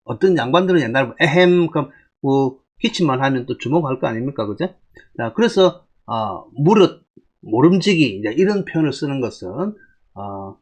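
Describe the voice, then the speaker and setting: A man's voice: medium pitch, a little mellow, husky. A middle-aged man teaching classical texts, explaining word by word with frequent rhetorical checks to his listeners.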